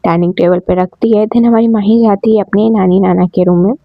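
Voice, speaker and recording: A woman's voice: medium pitch, steady tone, brisk, no echo, muffled recording. Give me a chatty woman narrating an audio story, dry close sound. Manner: chatty, addresses listeners directly.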